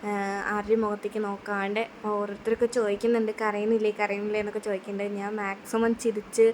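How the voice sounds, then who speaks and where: A woman's voice: mid-range voice, little pitch movement, fast talker, darkish tone, slight background noise. A young woman narrating a family video as a vlogger, chatty and a little shy, with many hesitant fillers. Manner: admits to being shy on camera.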